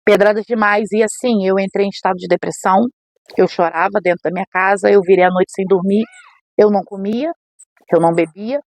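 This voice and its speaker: A woman's voice: mid-range voice, fairly quick, no echo. Brazilian woman telling a dramatic testimony. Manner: animated storytelling, acts out quoted voices. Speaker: podcast guest, missionary preacher. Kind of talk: emotional personal testimony.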